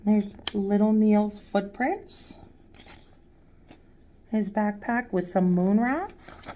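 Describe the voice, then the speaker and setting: A storytime reader with a medium-pitched, mellow voice reads a children's picture book aloud, speaking directly to young listeners and pausing for questions. A faint hiss or hum is audible.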